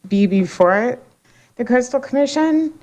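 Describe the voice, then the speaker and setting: A woman giving public comment at a hearing, emotional and halting, with many fillers and restarts, at a podium microphone. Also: fairly high pitch, expressive, darkish tone.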